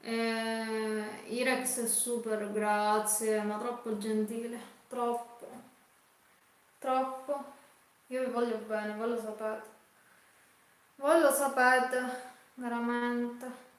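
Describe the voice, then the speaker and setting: A woman chatting casually with livestream viewers, haltingly and with repeated phrases. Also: on the high side, level tone. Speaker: cooking livestream host. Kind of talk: casual live chat with viewers. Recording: very echoey room.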